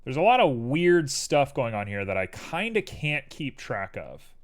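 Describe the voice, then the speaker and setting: A man's voice: mid-range voice, sing-song, measured pace. A young man streaming while he 3D models, muttering to himself in a playful, rambling way. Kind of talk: casual livestream commentary while 3D modeling.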